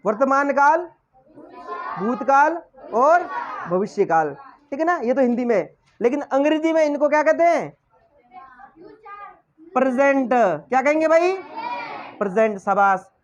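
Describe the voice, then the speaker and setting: A man's voice: very high-pitched, lively intonation, unhurried, long pauses, dull audio, slight background noise. A male teacher giving a lesson, quizzing the class with repeated questions and then answering them himself. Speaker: English teacher.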